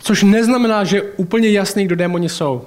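A man's voice: sits high, a little mellow. A man preaching a sermon in a colloquial, chatty way, mixing in personal anecdotes and asides.

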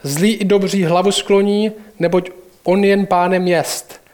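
A man's voice: sits high, level tone, a little mellow, close to an everyday voice. Earnest talking beaver, read by a man. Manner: read aloud from a storybook, earnest. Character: friendly talking male beaver, proud and earnest. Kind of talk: reading a storybook aloud.

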